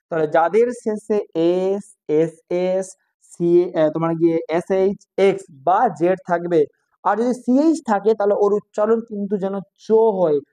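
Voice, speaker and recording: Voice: medium pitch, dark tone. A teacher giving a casual online grammar lesson, mixing English terms into the explanation and repeating each point as a question to the students. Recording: dull lo-fi recording.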